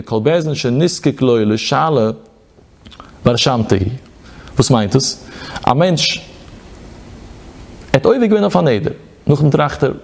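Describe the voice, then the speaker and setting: A man's voice: fairly high pitch, vocal fry, darkish tone. A man giving a Talmudic study lecture as a religious teacher, in a sing-song study cadence that swoops up and down.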